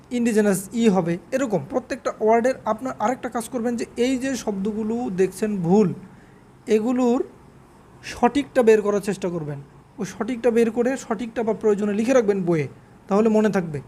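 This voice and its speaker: A woman teaching English spelling in a quiz lesson, repeating each word slowly and spelling it out letter by letter. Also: fairly high pitch, warm tone, slight background noise.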